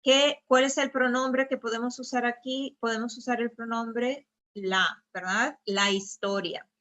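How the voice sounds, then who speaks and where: A woman's voice: fairly high pitch, steady tone, measured pace, a bit bright. A woman teaching a grammar lesson over slides. She explains patiently and keeps checking with her students. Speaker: Spanish teacher.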